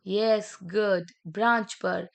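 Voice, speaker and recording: Slow-speaking woman teacher. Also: mid-range voice, fairly even intonation, gravelly. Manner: slow, drawn-out teaching, sounding out syllables and mixing in English. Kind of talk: online class lesson.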